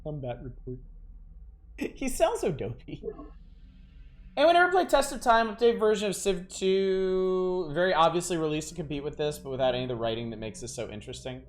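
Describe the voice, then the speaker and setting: A man streams a video game with faint game music behind him, thinking aloud in casual, wry gameplay commentary. His voice sits high and moves a little fast.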